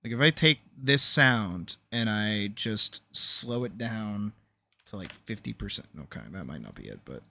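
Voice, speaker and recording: A man's voice: lowish voice, lively intonation, unhurried, creaky, pushed and bright, slight background noise. A man chatting casually and thinking aloud as he edits on a livestream, swearing freely and sarcastically, with some muttering to himself. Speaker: animator editing their own series on a livestream. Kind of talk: casual chat, thinking aloud while editing.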